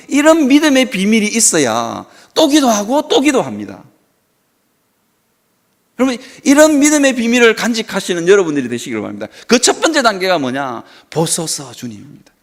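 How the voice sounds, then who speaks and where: A man's voice: sits high, huge pitch swings, fairly quick, fairly bright tone. A male pastor preaching a sermon at a Friday worship service in a church. He tells stories with animation and asks rhetorical questions.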